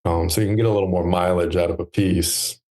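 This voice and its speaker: Deep-voiced man, thoughtful and hesitant. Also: fairly even intonation, fast, darkish tone. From United States. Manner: reflective, hesitant, many fillers. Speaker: podcast guest, stand maker. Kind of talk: relaxed conversational interview.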